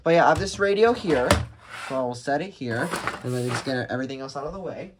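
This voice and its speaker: This radio-unboxing vlogger talks fast in a mid-range voice with lively intonation. His casual commentary rambles and hesitates, with frequent restarts mid-sentence, recorded at home amid noise and handling clicks.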